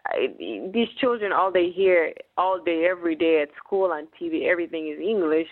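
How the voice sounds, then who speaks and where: A Haitian business owner appears as a guest on a radio interview, speaking in a lowish, fairly quick voice. She sounds earnest and frequently restarts her words, and the broadcast has a tinny, phone-like quality.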